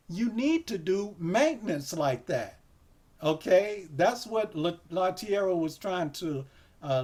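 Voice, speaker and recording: A man's voice: on the high side, darkish tone. A man hosting an interview, talking casually in a rambling way with many "you know"s and speaking directly to his viewers. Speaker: host.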